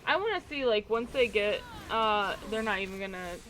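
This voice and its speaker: A woman's voice: mid-range voice, lively intonation, moderate pace, a bit bright, a little hiss or hum. Playful female esports co-caster. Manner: playful, short interjections. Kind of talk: casual color commentary.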